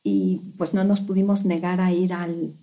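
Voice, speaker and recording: A woman's voice: on the low side, level tone, normal speed, warm tone. A middle-aged woman giving a hesitant personal testimony in a radio interview. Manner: hesitant, with many fillers and restarts.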